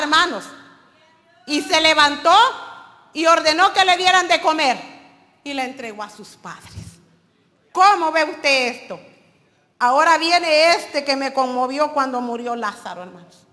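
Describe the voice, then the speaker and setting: A woman's voice: high-pitched, pushed and bright, big-room sound. A woman preacher delivering an emphatic sermon and calling her listeners brothers.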